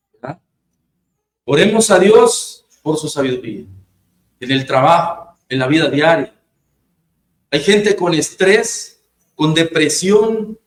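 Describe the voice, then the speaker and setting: Male preacher, fairly high voice, conversational sermon, roomy echo with faint ambience. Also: slight background noise. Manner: conversational, acts out short quoted exchanges. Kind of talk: informal church preaching.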